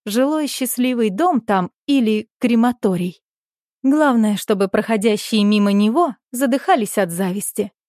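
A woman narrating an audiobook in the first person, in a measured, quiet, reflective manner. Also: fairly high pitch, no echo, clean studio sound.

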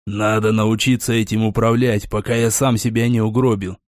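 A man voicing a gruff young fighter who talks curt and barks orders. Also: lowish voice, flat delivery, normal speed, no room sound, clean studio sound, voice pushed down, natural voice.

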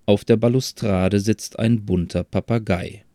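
A man telling a scripted story in a calm, measured way. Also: fairly low pitch, no echo, clean studio sound. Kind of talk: scripted story narration with character voices.

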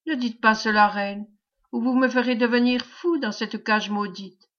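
A woman's voice: fairly high pitch, steady tone, moderate pace, lightly acted. A woman reading an audiobook, voicing a desperate young man imprisoned in a cell, with intense pleading outbursts. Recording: dull lo-fi recording.

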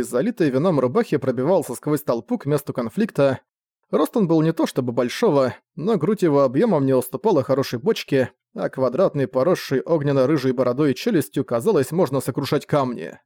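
Expressive male audiobook narrator. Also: medium pitch, brisk, dry recording, clean studio sound. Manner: expressive storytelling.

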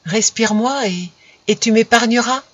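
A woman voicing a gentle, fragile female rose in a storybook reading, soft and pleading, in a dull lo-fi recording. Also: a little high, normal speed, slightly rough, no room sound, voice pushed up. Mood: tender pleading.

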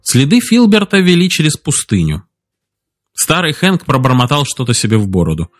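A man narrating a story aloud in an expressive audiobook style. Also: mid-range voice, normal speed, soft background music. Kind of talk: audiobook reading.

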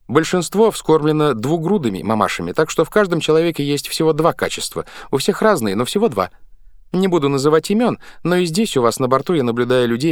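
A man voicing an odd, calm-spoken boy cabin hand in a read-aloud story, high and animated. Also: no room sound, studio quality. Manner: high, animated, matter-of-fact explaining.

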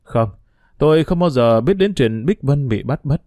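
A man's voice: mid-range voice, animated, normal speed, mellow, dry recording, studio quality, natural voice. A man reading a story aloud and voicing a tearful young woman pleading her case. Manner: pleading, emotional.

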